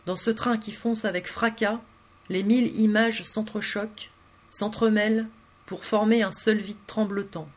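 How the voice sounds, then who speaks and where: A woman narrating a literary story in the first person, reading in an intimate, expressive way. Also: medium pitch. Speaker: audiobook reader.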